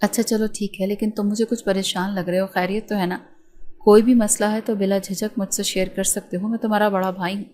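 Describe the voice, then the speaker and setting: A woman voicing a calm, caring older brother who speaks with concern. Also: mid-range voice, slight background noise, lightly acted. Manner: concerned, gentle.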